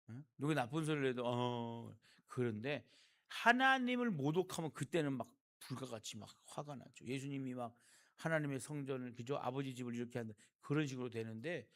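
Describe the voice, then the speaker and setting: A man's voice: mid-range voice, vocal fry, fairly bright tone. A male pastor from South Korea giving a sermon, talking with the congregation and asking them rhetorical questions.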